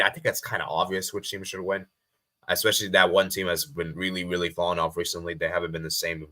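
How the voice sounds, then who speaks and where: A casual American live-streamer with a deep voice and a bright, forceful edge. He rambles loosely, repeats his phrases and reads viewer comments aloud as he goes. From USA.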